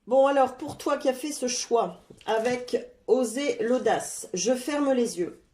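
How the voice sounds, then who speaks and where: A woman talks slowly through a tarot card reading, her chatty tone broken by frequent "euh" fillers. Her voice sits a little high. The room around her is echoey. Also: a little mellow. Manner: stops to talk to her cat. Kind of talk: casual card-reading guidance.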